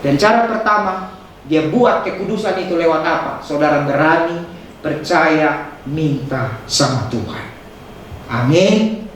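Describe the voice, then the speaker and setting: Preaching man in an echoey church hall. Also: animated. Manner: emphatic preaching with sudden high dramatic outbursts and rapid asides. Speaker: pastor. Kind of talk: sermon. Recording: echoey hall, distant mic, faint noise.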